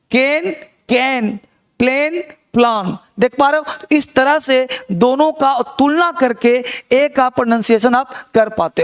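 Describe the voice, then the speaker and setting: A man teaching an online English pronunciation class, repeating words slowly and asking the class whether they follow. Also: very high voice. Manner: repeats words slowly and asks checking questions.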